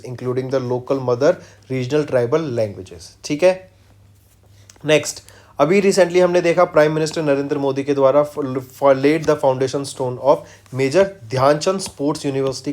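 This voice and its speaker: Hindi-English current affairs teacher, quizzing. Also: male voice, on the high side, darkish tone. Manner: drills facts with quick quiz questions and repeats, mixing English phrases into Hindi; slows right down to read English lines word by word. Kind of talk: exam-prep current affairs lesson.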